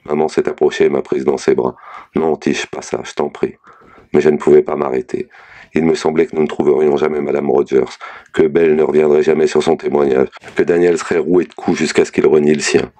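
A man narrating a novel aloud in a slow, measured, reflective reading. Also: rumbling low, level tone, mellow. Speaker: reader of a novel. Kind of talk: literary audiobook reading.

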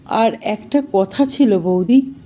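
A woman voicing a humble female house servant who speaks softly and slowly, pleading for help. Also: mid-range voice, lightly acted.

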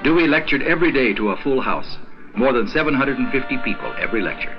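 An older man giving a measured scripted narration for a documentary film. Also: medium pitch, expressive, over music. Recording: dull 1970s film soundtrack.

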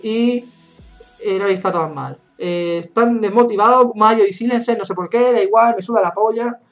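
A woman's voice: mid-range voice, moderate pace. Spanish gamer woman in her 20s, live play-by-play, hot-headed and foul-mouthed, faint music underneath. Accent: Spain Spanish. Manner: excitable, swears often, rants at the referee. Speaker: gaming YouTuber. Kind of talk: live gameplay commentary.

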